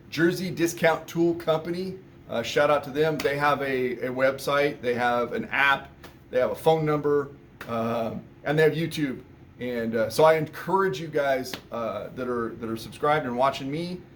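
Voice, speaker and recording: The owner of an auto repair shop talks casually about what's happening at his shop in a vlog-style update, speaking in a fairly high voice with slight background noise. He rambles conversationally, with plenty of restarts and filler words.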